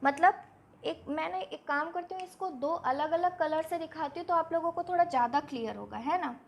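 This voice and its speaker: A woman's voice: extremely high pitch, moderate pace, gravelly, a little hiss or hum. A woman teaching a biology lesson step by step, posing questions to her students and answering them herself. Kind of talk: online exam-prep lesson.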